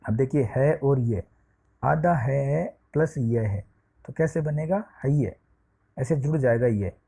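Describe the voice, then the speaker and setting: A man's voice: medium pitch, slow, vocal fry, warm tone, husky. Man teaching Sanskrit letters. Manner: explains step by step, spelling out letters one at a time; often checks with "ठीक है" and "देखिए". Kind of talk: classroom lesson for eighth-grade students.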